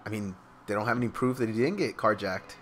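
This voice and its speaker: A man's voice: lowish voice, fast, music in the background. A young man chatting casually over gameplay as a commentator, swearing freely and laughing at his own remarks.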